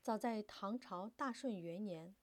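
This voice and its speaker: A woman narrating a historical story in an expressive, dramatic reading. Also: medium pitch, measured pace, dry recording.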